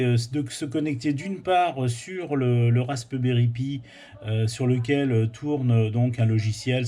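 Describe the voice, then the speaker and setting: A French amateur radio tutorial host, acting as interviewer, conducts a casual technical interview indoors at a radio amateur's home. His medium-pitched, warm voice explains and recaps things as he goes.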